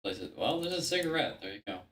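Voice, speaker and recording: A man's voice: medium pitch, very animated, fast talker, a bit bright. A man giving casual, foul-mouthed reaction commentary as the host. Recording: roomy echo, distant mic, background chatter.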